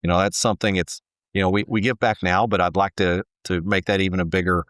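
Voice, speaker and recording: A man's voice: sits low, steady tone, quick pace, fairly bright tone, dry recording, clean studio sound. A man, a home builder answering interview questions earnestly, often restarting his sentences. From Texas.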